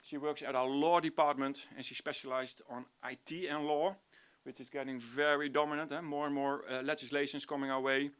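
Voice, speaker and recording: This Dutch-accented university lecturer, a middle-aged native Dutch speaker, presents casually at a conference, repeatedly restarting as he gropes for words in front of the room. He talks briskly in a fairly high, level voice that is fairly bright and smooth.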